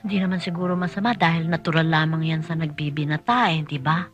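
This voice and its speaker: A woman's voice: sits low, fairly even intonation, quick pace, faint music behind, natural voice. A woman playing a scheming, indulgent mom. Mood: coaxing. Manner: coaxing, conspiratorial. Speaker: mother in a film comedy.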